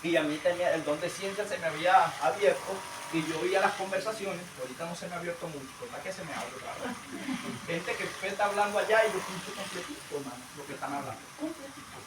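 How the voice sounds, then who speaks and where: A man preaching a sermon and telling a testimony, swinging between loud emphatic bursts and low hushed storytelling. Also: lively intonation, quick pace. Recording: echoey room, distant mic, noisy.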